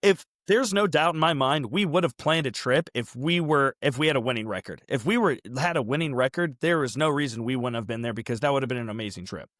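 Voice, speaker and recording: A man's voice: mid-range voice, fast talker, few pauses, dry recording, clean studio sound. A man hosting a casual sports podcast, telling stories animatedly and acting out quotes. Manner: animated storyteller, acts out quotes. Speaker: podcast host.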